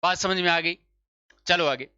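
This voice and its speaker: A man's voice: high-pitched, normal speed, sharp tone, clear, resonant tone, dry recording. A man teaching a Hindi grammar lesson for exam preparation. He asks questions, answers them himself, repeats the key points and checks that the class has understood. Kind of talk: exam-prep spelling lesson. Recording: dull lo-fi sound.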